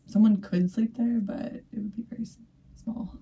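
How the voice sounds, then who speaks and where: Young woman, podcast host, casual and chatty, mid pitch, a touch off-mic. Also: steady tone, normal speed, creaky, warm tone, breathy edge, recorded from a distance, lo-fi sound. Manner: chatty, laughs often, acts out quoted dialogue. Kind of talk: casual chat.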